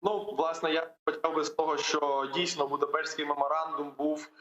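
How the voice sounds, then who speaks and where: A man's voice: on the high side, flat delivery, a little fast, pushed and bright. A man speaking as a political analyst on a live interview link, explaining at length with frequent hesitations. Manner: hesitant, many fillers. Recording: echoey, dull remote link.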